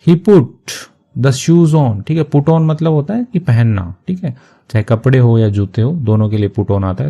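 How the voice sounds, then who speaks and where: A man teaching English through a story, reading each English phrase slowly and then explaining it quickly in Hindi. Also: mid-range voice, warm tone. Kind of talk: line-by-line story translation lesson.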